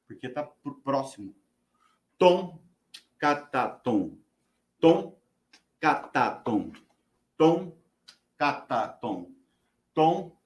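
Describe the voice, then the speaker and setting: A man's voice: fairly high pitch, echoey room. A Brazilian man teaching guitar, chanting strum patterns in syllables and counting beats aloud. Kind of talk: spoken guitar lesson with rhythm syllables. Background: guitar playing.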